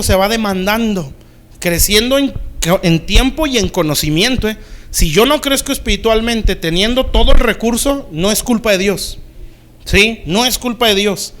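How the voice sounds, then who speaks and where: A man with a high-pitched voice delivers a sermon as pastor. He preaches in plain, everyday words and keeps pausing to ask the congregation whether they follow. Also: a bit bright.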